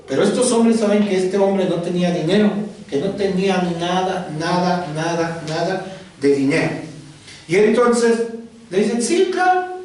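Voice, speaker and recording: Male pastor with a high voice, storytelling sermon, repetitive. Distant mic in a boomy church hall. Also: normal speed, a little mellow. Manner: repetitive, dramatic storytelling with chanted repeats.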